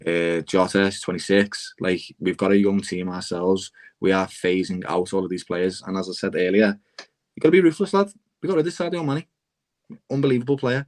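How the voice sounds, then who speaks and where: A man's voice: low-pitched, fairly quick. A young man with a Liverpool accent, passionately arguing in a casual football debate and calling everyone "lad". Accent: Liverpool (Scouse). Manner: passionate, repeatedly says "lad", animated. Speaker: Liverpool fan panelist on football podcast.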